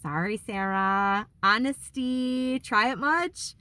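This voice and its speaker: A woman vlogging from her car in a casual, rambling monologue, swearing freely, filling every pause with "like" and slipping into heated rants. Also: a little high, pushed and bright, no room sound. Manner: rambling and profane, heavy use of "like"; heated ranting. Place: inside a car.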